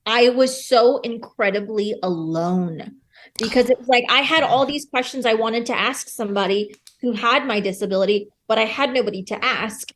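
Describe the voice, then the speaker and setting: Young woman guest, a little high in pitch, speaks openly and emotionally in a rambling, chatty way. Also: normal speed, fairly bright tone. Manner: open, emotional, fills with "like". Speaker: podcast guest. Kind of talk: candid personal storytelling.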